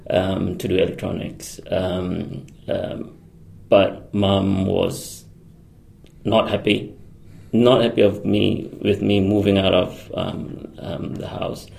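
A deep, gravelly, darkish male voice with little pitch movement and a slow pace belongs to an electronics engineer from Singapore. Appearing as a guest in a conversational radio interview, he hesitates, uses many fillers, restarts his sentences, and laughs frequently.

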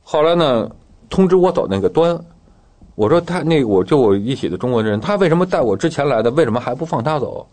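A man's voice: mid-range voice, expressive, quick pace, a little mellow. A man telling his own story in casual talk, acting out the dialogue as he goes, with guitar music behind him.

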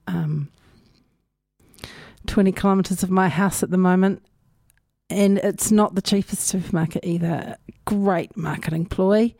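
A woman's voice: lowish voice, warm tone, no echo, studio quality. A woman with a New Zealand accent hosting a community radio music show, chatting casually in musing, unscripted asides. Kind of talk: casual radio chat between songs. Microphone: close radio studio microphone.

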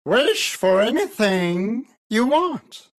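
A woman voicing an excitable male genie freed from a lamp in a storybook, loud and exuberant. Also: fairly high pitch, slow pace. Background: background music.

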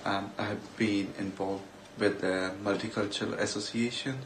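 A man giving a brief, plain introduction with pauses. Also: fairly low pitch, steady tone. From India. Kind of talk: casual self-introduction. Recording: echoey room, distant mic, faint noise.

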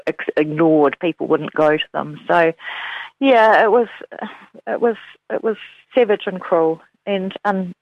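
Interviewed about her book, a novelist speaks in a lowish voice, a little slowly, stumbling through frequent fillers and restarts. The recording is dry, dull, and lo-fi.

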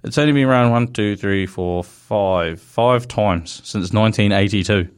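A man's voice: lowish voice, unhurried, clear, resonant tone. A man with a broad Kiwi accent hosting a casual motorsport chat in a blokey, slangy, mildly sweary way. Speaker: motorsport show host.

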